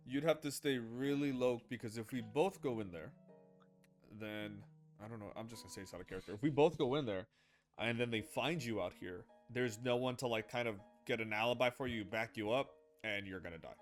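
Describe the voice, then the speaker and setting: A man playing a tabletop game, firing off quick, insistent questions and plans. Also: mid-range voice, faint music behind. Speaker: player. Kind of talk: tabletop role-play chat.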